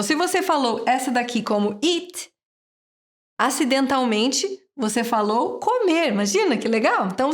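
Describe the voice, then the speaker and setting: High-voiced woman teaching slowly. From Brazil. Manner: slow, patient, repeats sounds many times. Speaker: English teacher. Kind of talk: video English lesson.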